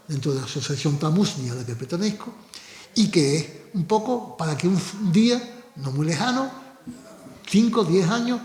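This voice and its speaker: A man's voice: high-pitched, darkish tone. A man with a Canarian Spanish accent presenting his book, explaining at length with frequent restarts and asides. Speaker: book author. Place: cultural centre hall. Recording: echoey hall recording.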